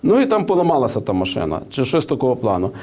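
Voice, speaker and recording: A man's voice: medium pitch, big pitch swings, very fast, dark tone. A man giving political and economic commentary in an interview, who hesitates with many fillers and restarts and tells anecdotes. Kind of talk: studio interview.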